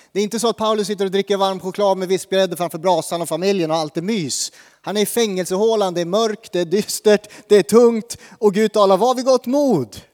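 A man's voice: high-pitched, darkish tone, in a large hall. A man preaching a sermon in a conversational way, asking the congregation questions. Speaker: pastor.

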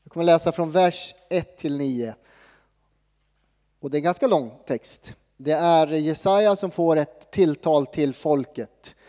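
A man preaches in a loose, joking way, often pausing mid-thought. His voice sits fairly high but sounds warm and mellow, with a long reverb that fills a church. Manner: casual, joking, with many pauses and fillers. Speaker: pastor. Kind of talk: sermon.

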